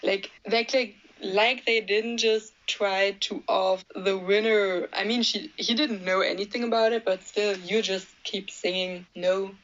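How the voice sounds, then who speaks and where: A woman's voice: medium pitch, fairly even intonation, measured pace, few pauses, a bit bright. Young woman, casual recap host, blunt and cheeky, mid voice, lo-fi mic. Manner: blunt, sweary, laughs at her own jokes. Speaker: movie reviewer.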